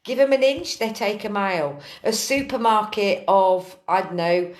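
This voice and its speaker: A woman hosts a casual late-night live stream from her kitchen, talking in an animated, ranting way with earthy swearing. Her voice sits at a middling pitch. The echo of the room comes through clearly. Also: normal speed. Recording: roomy echo.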